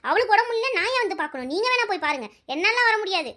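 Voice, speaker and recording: A snooty, uncaring neighbour woman in a cartoon with a piercingly high voice, as a woman puts her on. She brushes others off in quick, haughty words. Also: sing-song, sharp tone, full character voice. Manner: dismissive, haughty. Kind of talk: cartoon voice acting.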